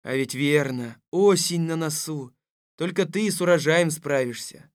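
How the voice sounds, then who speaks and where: An actor playing a stern, weary fairy-tale tsar in an audiobook radio play, speaking gruffly and with command. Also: male voice, on the high side, measured pace, dry recording, clean studio sound, natural voice.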